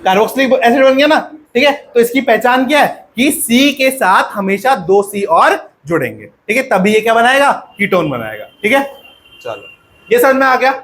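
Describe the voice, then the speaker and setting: High-voiced man teaching a class. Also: sing-song, moderate pace, a bit bright, slight background noise. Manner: asks the class questions and repeats answers. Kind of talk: classroom lecture to students. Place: classroom with pupils.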